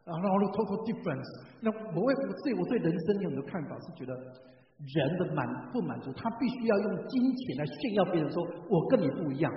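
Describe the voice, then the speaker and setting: A middle-aged man preaching a sermon in a chatty, joking way, often asking the audience questions. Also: fairly high pitch. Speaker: pastor. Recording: roomy hall, distant mic, dull sound.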